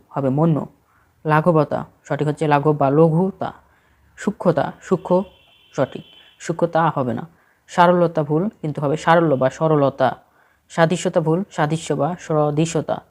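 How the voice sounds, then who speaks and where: A man with a Bangladeshi Bengali accent reads a spelling list aloud for exam prep, steadily correcting each word in short phrases. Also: fairly high pitch.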